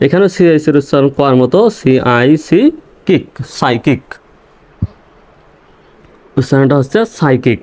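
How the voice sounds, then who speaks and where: A man teaches English reading in a slow, patient lesson. He spells each word out letter by letter and then says it again, more than once. His voice sits at a middle pitch. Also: darkish tone.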